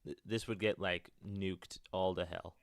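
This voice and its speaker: A man's voice: deep voice, steady tone, measured pace, no echo, studio quality. A young man streaming who reads fan fiction aloud and chats with viewers in a casual, swearing way. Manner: casual, swearing, laughs at himself.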